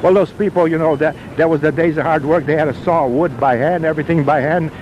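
A man in his late sixties reminiscing in a rambling, halting, repetitive way, often saying "you know". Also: fairly high pitch, steady tone, lo-fi sound. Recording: noisy outdoor field recording.

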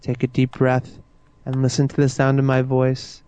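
A man guiding a listener into hypnosis with slow, soothing, repetitive suggestions. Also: mid-range voice, completely flat delivery, mellow, clean tone. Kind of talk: guided hypnosis induction.

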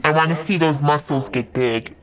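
A woman whose voice has been disguised and pushed down to a very deep register. She chats casually at a dinner table as a regular guest, her remarks laid-back and offbeat. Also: moderate pace, a crowd in the background. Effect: voice disguised, pitched very deep.

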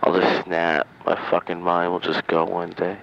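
Man, dictaphone tape diary, weary and sighing, lowish voice, dull lo-fi sound, clear noise behind. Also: monotone, normal speed, a bit bright. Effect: dictaphone tape recording, lo-fi. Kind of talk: personal audio diary. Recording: lo-fi tape recorder with background noise.

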